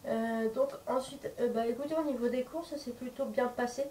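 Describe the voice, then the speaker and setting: Brisk and mellow, with a fairly high pitch and steady tone, a woman vlogger chats casually to camera despite a cold that has her stuffy and sore-throated. She hesitates, rambles, and searches for words. The recording uses a distant mic with faint background noise.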